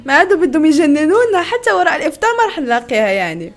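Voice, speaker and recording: Giggly young woman, high voice. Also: sing-song, rapid-fire. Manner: giggly, exclaims often, playful self-teasing. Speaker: YouTuber reacting to food videos. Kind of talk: casual reaction vlog.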